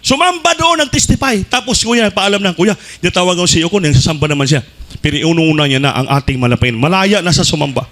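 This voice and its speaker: A man preaching a sermon fervently, swinging between shouted peaks and low asides and mixing in English phrases. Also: animated, fast talker.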